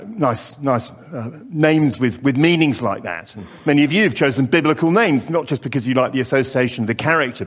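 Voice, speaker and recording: Male preacher, earnest and expressive sermon, lively pitch movement. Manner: earnest, expressive delivery with pauses and emphatic repetitions.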